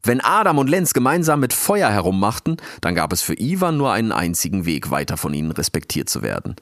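Lively dramatic male storyteller. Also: fairly low pitch, no echo. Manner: expressive, dramatic reading. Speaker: narrator. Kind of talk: storybook narration. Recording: dry close sound.

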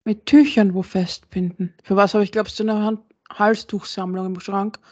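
A woman's voice: medium pitch, little pitch movement, normal speed, darkish tone, no room sound. A woman co-hosting a podcast in casual chat, laughing and answering with dry comebacks. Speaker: podcast co-host. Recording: dull lo-fi recording.

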